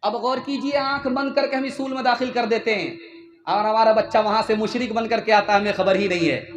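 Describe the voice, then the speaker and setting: A man preaches a sermon at a religious gathering in an unusually high voice. He talks in a fervent, rhetorical way and calls on his listeners to raise their hands. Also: fairly even intonation, a little hiss or hum. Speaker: maulana preacher.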